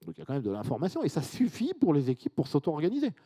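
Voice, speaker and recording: A chatty French man delivers a conference talk to a live audience, informal and loose, with asides and questions for the crowd. His voice is on the high side and husky, warm in tone, racing along with wildly swooping pitch.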